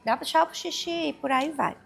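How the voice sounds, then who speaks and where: A woman educator giving parents practical advice in a relaxed, explanatory talk. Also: high-pitched, brisk, gravelly. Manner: warm, explanatory, acts out little scenes.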